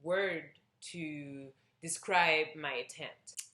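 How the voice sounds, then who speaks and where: A woman's voice: sits low, extremely slow, pushed and bright, roomy sound. A woman from Belgium chatting casually to camera, telling a personal story with lots of fillers and restarts. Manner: hesitant, rambling, with many fillers and restarts. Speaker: vlogger.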